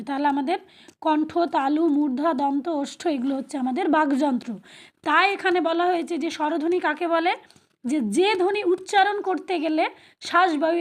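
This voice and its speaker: A woman teaching a grammar lesson to her students. She speaks slowly and deliberately, asks questions and then answers them herself, and repeats the key terms. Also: extremely high pitch. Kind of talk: classroom-style lesson.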